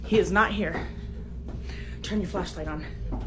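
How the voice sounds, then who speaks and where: A middle-aged woman filming inside her house on a handheld phone, talking in a hushed, shaky voice that often drops to a whisper. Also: on the low side, measured pace. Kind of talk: frightened home video narration. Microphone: handheld phone camera. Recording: phone video with clear background noise.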